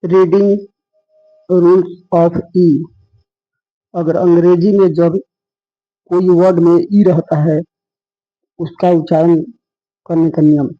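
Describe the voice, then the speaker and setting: Male teacher, patient spelling drills, raised pitch, muffled lo-fi recording. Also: little pitch movement. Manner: slow, patient, repeats each rule. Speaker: English teacher. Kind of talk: spoken lesson spelling out words. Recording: dull lo-fi sound.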